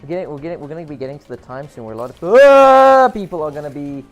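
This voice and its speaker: A man's voice: fairly high pitch, racing, warm tone, faint music behind. Rambling joking New man. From New Zealand. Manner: rambling, joking, self-correcting. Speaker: game streamer. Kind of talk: casual live gameplay stream.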